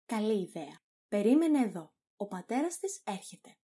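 A woman's voice: mid-range voice, big pitch swings, dark tone, breathy edge. A woman reading a cheeky, outspoken maid. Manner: blunt, teasing. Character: cheeky, outspoken female servant.

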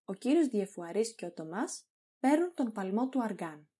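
A woman's voice: medium pitch, sing-song, dark tone, breathy edge. A woman reading a play summary aloud, announcing each speaker and stage direction. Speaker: narrator.

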